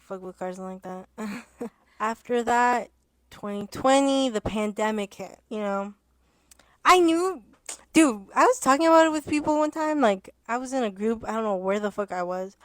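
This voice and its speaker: A young woman chats in a loose, rambling way, cutting herself off mid-word and dropping the odd swear. Her voice is mid-pitched and starting to wear thin. The recording is close and dry, with no room sound. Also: dry recording. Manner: rambling, self-interrupting, swears and laughs often. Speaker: vlogger. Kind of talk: casual rambling chat to camera.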